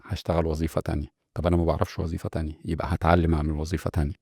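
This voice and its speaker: A man's voice: very deep voice, flat delivery, very fast, creaky, a little mellow, slightly rough, no room sound, clean studio sound. A man with an Egyptian accent giving a motivational talk as a podcast host, explaining through rhetorical questions and checking in with his listeners. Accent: Egyptian Arabic.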